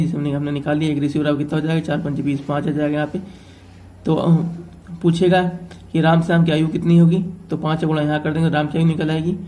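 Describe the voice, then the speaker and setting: A man teaches an exam-prep math lesson. His voice sits a little high and stays flat in tone, with a mellow, dark color. He talks it through step by step and keeps checking in with his students. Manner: explains step by step, often checking with "ठीक है".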